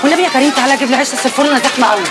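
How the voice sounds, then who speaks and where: An actress with an Egyptian accent playing a sharp-tongued young woman, teasing and reproachful, in a street scene. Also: high-pitched, racing, natural voice. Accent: Egyptian Arabic. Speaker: actress in a film. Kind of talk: film drama acting. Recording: outdoor street scene, loud crowd and noise.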